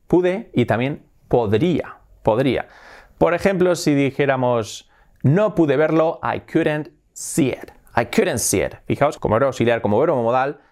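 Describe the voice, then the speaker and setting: A man from Spain teaching an English lesson on video. His pitch rises and falls a lot as he explains, and he slows right down to repeat each example word with care. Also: a little mellow. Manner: slow, drawn-out repetition of example words.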